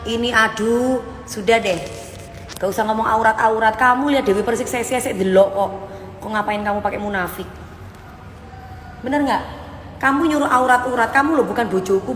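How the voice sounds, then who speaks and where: A woman's voice: on the high side, echoey room, big-room sound, a little hiss or hum. A woman, hosting a casual live stream and bluntly scolding viewers as she answers their comments. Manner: blunt, scolding, mixes Javanese into Indonesian.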